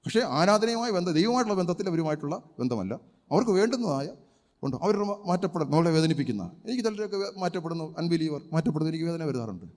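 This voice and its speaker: A male pastor preaching a sermon emphatically, firing rhetorical questions and breaking into loud cries of praise. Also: a little high, very animated, racing. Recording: long hall reverb.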